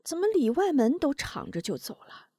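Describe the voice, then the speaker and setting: A woman voicing a hot-headed young male martial artist who speaks in urgent, excitable outbursts. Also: sits high, moderate pace, no echo, studio quality, pitched above the performer's own voice. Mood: urgent, excited.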